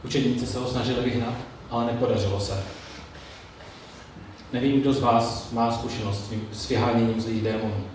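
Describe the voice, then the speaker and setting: Male preacher, measured sermon delivery, distant mic in a booming hall with a little ambience. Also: steady tone, a little mellow, slight background noise. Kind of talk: sermon with Bible reading. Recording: very echoey room, mic far off, faint ambience.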